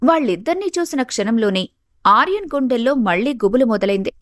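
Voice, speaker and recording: A woman storyteller reading a scripted family story in a steady, even way. Her voice sits fairly high, and the recording is close and bone-dry. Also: fairly quick, no echo.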